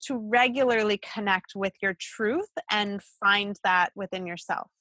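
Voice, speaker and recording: A woman hosts a podcast in a poised, measured voice. Her tone is bright and the sound is dry and close. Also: mid-range voice, no echo. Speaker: podcast co-host. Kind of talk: reading a guest bio, casual chat.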